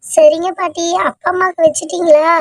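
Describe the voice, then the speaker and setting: A woman's voice: very high-pitched, flat delivery, moderate pace, no echo, clean studio sound. A woman voicing an eager, polite young boy visiting his grandmother in a cartoon.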